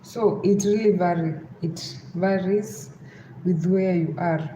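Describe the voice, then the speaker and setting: A young Kenyan woman with a Western Kenyan accent hosts a casual livestream, speaking slowly in a lowish, warm voice with a steady tone. She keeps repeating requests for viewers to like and subscribe. The room is echoey, with background noise.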